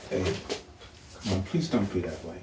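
A man's voice: low-pitched, animated, moderate pace. An actor playing a flustered young man who stammers and pleads with his sulking girlfriend, in naturalistic film dialogue. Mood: pleading. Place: living room of a home. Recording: roomy room echo, faint background hum.

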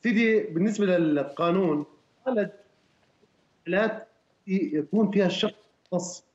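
A male lawyer calling in on a remote line that breaks up, speaking formally and in a measured way. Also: sits high, a little mellow. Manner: formal, measured, addresses the host as sir. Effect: remote call line, dull and echoey, breaking up. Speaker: lawyer guest. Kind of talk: calling in to a live TV talk show. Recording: lo-fi echoey remote call audio.

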